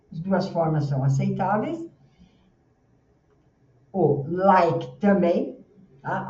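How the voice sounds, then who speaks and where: A woman with a Brazilian Portuguese accent teaches English grammar at a slow, unhurried pace. Her voice is low and mellow. She sounds distant and roomy through a dull, lo-fi recording. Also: a little hiss or hum. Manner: patient, explanatory, models English words slowly. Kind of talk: grammar lesson explaining slides.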